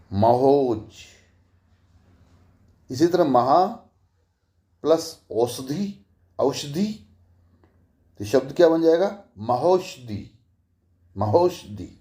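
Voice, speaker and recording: A middle-aged male college teacher giving a grammar lesson in a slightly high, mellow voice. He speaks very slowly and deliberately. He repeats every example and keeps asking his listeners questions. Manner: slow, repeats each example and asks rhetorical questions. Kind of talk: grammar lecture.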